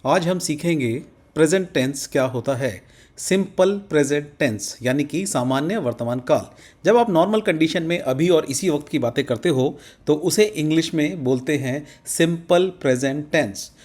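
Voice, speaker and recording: A man teaching English to Hindi speakers in an Indian accent, saying each example sentence slowly and word by word. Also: on the high side, animated, darkish tone. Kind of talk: slow explanatory language lesson.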